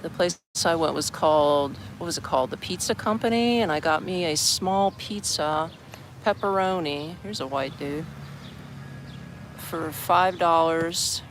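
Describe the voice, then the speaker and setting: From the steps of a busy city park, an expat livestreamer from Orlando, Florida, chats loosely with viewers, saying hello as they join. His voice is a little high and fairly bright, a bit slow, and the noisy outdoor recording picks up street and traffic sounds.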